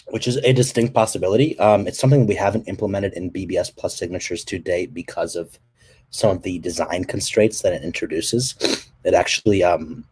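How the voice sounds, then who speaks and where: A man presenting his company's standards work and answering questions, speaking haltingly with many fillers and restarts. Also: deep voice, darkish tone, husky. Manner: halting, many ums and restarts, coughs between phrases. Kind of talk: technical presentation and Q&A.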